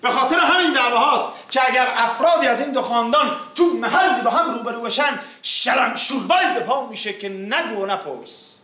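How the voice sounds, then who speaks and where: A man's voice: extremely high pitch, expressive, sharp tone. A man performing as an epic teahouse storyteller in a theatrical, declamatory way, with verse and narration. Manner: theatrical, declamatory, chanting verse in drawn-out tones. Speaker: naqqali storyteller. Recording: echoey room, far from the mic.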